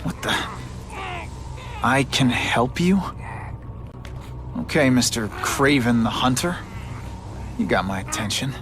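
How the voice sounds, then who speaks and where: An actor playing a young American superhero in a video game, a cheeky student with a casual, quippy manner. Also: male voice, medium pitch, animated, slow pace, long pauses, noisy background. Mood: cocky, quippy. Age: young adult. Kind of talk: video game character acting.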